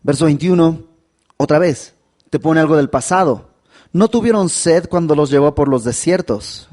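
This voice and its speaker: A man with a Mexican Spanish accent preaching a verse-by-verse Bible sermon, animated and often turning to the listener with questions. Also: moderate pace. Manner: animated, with dramatic pitch swings and asides to the listener. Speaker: pastor.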